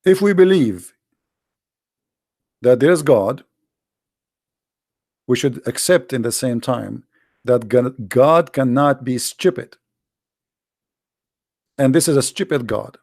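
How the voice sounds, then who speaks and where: With a gravelly rasp and a darkish mid-range voice, a man preaches emphatically and bluntly to viewers as host of a daily livestream, his intonation lively, his pace slow, and his pauses frequent. He speaks Arabic natively, and the close, dry audio has no echo.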